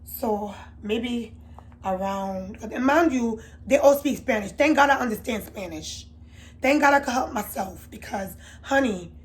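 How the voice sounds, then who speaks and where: A woman telling a candid storytime to her viewers, chatty and confiding, swinging from loud emphatic bursts to low murmurs. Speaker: beauty vlogger. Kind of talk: storytime vlog.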